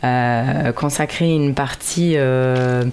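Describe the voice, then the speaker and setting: A woman's voice: very deep voice, drawn-out words, a little mellow, clean tone. A woman in her thirties from Germany with a slight German accent, a singer answering radio interview questions in a rambling, hesitant way with many fillers. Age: 30s. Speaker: guest singer.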